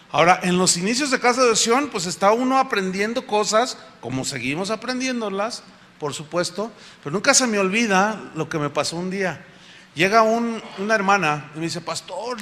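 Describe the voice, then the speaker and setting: A pastor preaching a sermon, telling stories and acting out what people said. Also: male voice, high voice, bright, forceful tone. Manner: storytelling, acts out quotes. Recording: echoey hall.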